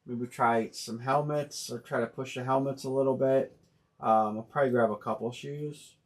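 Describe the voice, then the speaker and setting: A man hosting a live sports card break stream, talking casually and thinking out loud with plenty of fillers and restarts. He speaks bluntly and uses slang. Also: mid-range voice, fairly even intonation, moderate pace. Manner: rambling, thinking aloud with many fillers and restarts.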